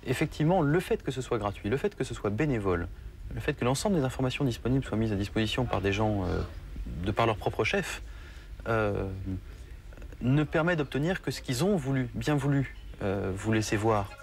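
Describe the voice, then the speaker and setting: A man's voice: mid-range voice, lively intonation, a little fast. A man answering an interview question hesitantly, with many fillers.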